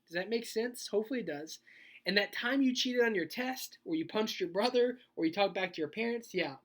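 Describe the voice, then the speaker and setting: A woman youth pastor preaching a casual, animated sermon, telling a story and checking in often with her listeners. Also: medium pitch, a little fast. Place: church youth service.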